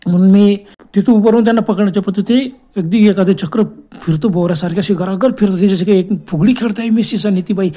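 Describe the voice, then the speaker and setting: Guy narrating his scary ghost story, warm mellow voice, earnest, keeps repeating words. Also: sits high.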